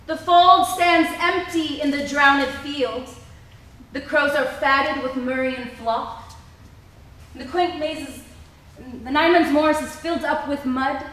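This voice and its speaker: A woman playing a proud, indignant fairy queen in theatrical, declamatory Shakespearean stage verse. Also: sits high. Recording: very echoey hall, far from mic.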